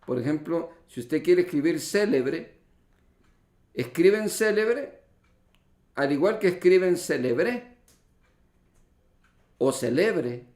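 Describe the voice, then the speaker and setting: A man's voice: a little high, lively intonation, a little slow, mellow. A man preaching a sermon who explains the meaning of words step by step and often calls his listeners brothers. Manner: teacherly, explains word meanings and spelling rules. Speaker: pastor. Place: church hall. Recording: echoey church livestream.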